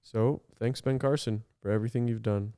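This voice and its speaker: A man talks in loose, casual podcast banter as one of the hosts. His voice is clear and smooth, sitting at an ordinary middle pitch. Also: steady tone, a little fast, warm tone, no room sound, clean studio sound. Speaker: podcast co-host.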